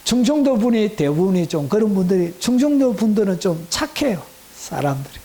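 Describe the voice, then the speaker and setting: Animated high-voiced male pastor preaching. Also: fairly quick. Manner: animated, swings between loud exclamations and hushed asides. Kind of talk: sermon.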